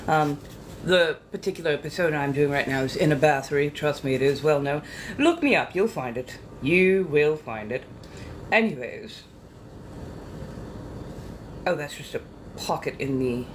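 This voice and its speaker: A woman's voice: low-pitched, animated, unhurried, long pauses, slight background noise. A woman chatting casually to her followers as a livestream host, with theatrical, coy, old-fashioned ladylike diction and a playful habit of repeating phrases.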